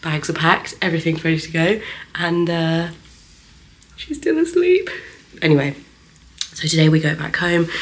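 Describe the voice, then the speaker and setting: A woman's voice: low voice, creaky, a bit bright. A woman, chatting in a rambling vlog while half-whispering. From England. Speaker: vlogger. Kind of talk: casual vlog chat.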